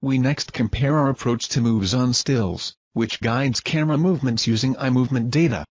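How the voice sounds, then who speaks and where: Reading formal, scripted research narration, a research presenter speaks in a measured, expository way with a slightly husky, middling-pitched voice. The audio is dry and a bit dull, with no echo.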